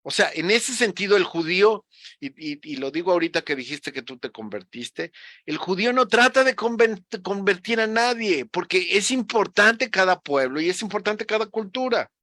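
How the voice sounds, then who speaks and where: A man with a bright, forceful, somewhat high voice explains ideas patiently, like a teacher. He often restarts his phrases as he thinks aloud. The sound is dry and close. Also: very animated, normal speed, no room sound. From Mexico. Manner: reflective, teacherly, many restarts. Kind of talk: conversational explanation.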